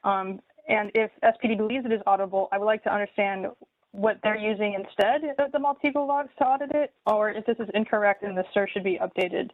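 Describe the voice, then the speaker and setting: A woman's voice: medium pitch, quick pace, no echo. A woman giving a detailed, methodical public comment at a city meeting. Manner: detailed, methodical, with many ums. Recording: tinny phone-like line.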